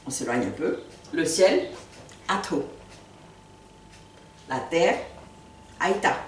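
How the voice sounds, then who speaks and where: A woman giving a relaxed spoken language lesson, repeating each new word slowly and patiently. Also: low voice, slight background noise. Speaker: language teacher. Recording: echoey room, mic at a distance.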